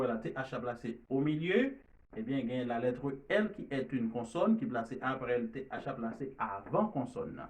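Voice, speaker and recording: A man teaching English pronunciation, repeating each drill word slowly and loudly. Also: medium pitch, recorded from a distance. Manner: repeats drill words loudly and slowly, mixes French and Creole. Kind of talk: pronunciation lesson.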